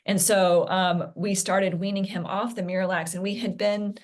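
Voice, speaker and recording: A mother speaks as a guest in a candid interview, her voice sitting in an ordinary middle register. She talks earnestly and haltingly, often restarting her sentences as she recounts her son's struggles. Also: mid-range voice, flat delivery.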